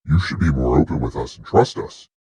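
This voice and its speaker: A narrator voicing a mocking parent in a deep, husky voice. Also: a little fast, mellow, full character voice.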